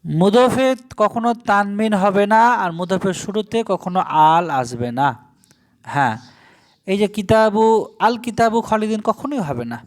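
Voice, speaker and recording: A man from Bangladesh teaching Arabic grammar in Bengali in an online lesson, explaining step by step and slowly spelling out Arabic terms. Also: high-pitched, lively intonation.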